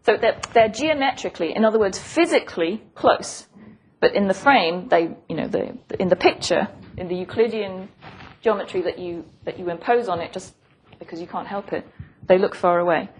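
A woman's voice: mid-range voice, normal speed, hardly any pauses. Thoughtful woman lecturer with noisy background. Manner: hesitant, thoughtful, professorial, often repeating phrases. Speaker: physics lecturer. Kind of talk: academic lecture, explaining a diagram. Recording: noisy lecture recording with clicks.

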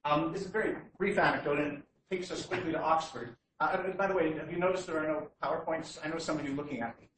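Speaking fast with few pauses and fairly even intonation, a high-voiced Canadian man gives a public lecture without slides, though he still hesitates with fillers and restarts. A distant room mic in a large, very echoey hall picks him up from afar along with faint noise.

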